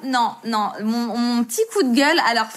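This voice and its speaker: A woman's voice: a little high, moderate pace, a bit bright. A woman in her thirties, a tattoo artist chatting casually as a podcast guest, easygoing and hesitant and laughing often. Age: 30s. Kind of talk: casual interview chat.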